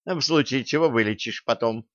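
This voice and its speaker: A man's voice: medium pitch, moderate pace, a bit bright, dry recording, lo-fi sound, natural voice. A man voicing a young female elf who talks in a languid, scheming way. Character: dreamy young female elf, mistress of the cat.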